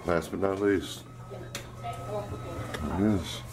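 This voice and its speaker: Deep-voiced middle-aged man vlogging outdoors. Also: steady tone, very slow, loud music behind the voice. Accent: Northwest Indiana. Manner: chatty, rambling, speaks to the camera while walking. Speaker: vlog host. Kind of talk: casual walking tour vlog. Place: outdoors and inside a church building. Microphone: handheld camera at arm's length. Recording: noisy outdoor camera audio.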